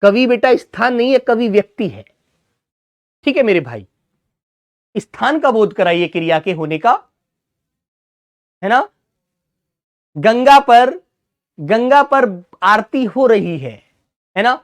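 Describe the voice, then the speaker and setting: A man's voice: high-pitched, lively intonation, slow, pauses often. A man teaching Hindi grammar in an online exam-prep class, who asks his students questions, answers them himself, and calls them son and brother.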